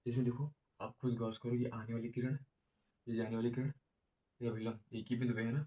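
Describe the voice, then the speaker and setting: Male teacher, monotone delivery, slow and repetitive, headache-weary exam lesson. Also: mid-range voice, breathy edge, narrow, tinny audio. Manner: slow, repetitive explaining with many filler checks. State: has a headache. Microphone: no proper voice recorder.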